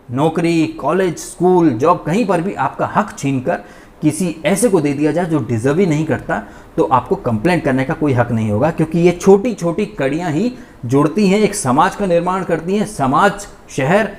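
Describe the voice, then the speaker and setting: A man's voice: fairly high pitch, a little mellow. A man giving an indignant, ranting commentary monologue as a vlogger reviewing a show. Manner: indignant, ranting, mocking impressions.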